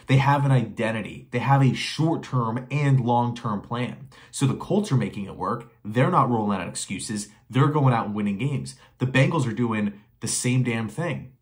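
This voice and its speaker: A man's voice: mid-range voice, moderate pace, hardly any pauses. Fired-up young man ranting about his team. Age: young adult. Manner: fired-up and emphatic, rhetorical questions, repeated phrases. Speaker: sports commentary vlogger. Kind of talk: opinionated solo commentary to camera. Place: small bedroom indoors. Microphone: webcam or phone facing him at desk.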